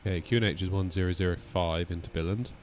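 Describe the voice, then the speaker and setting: A man talking into a cockpit headset mic as a simulator pilot, reading back radio calls in clipped, calm aviation phrasing. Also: sits low, fast talker, slight background noise. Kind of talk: pilot radio calls and casual streaming chat.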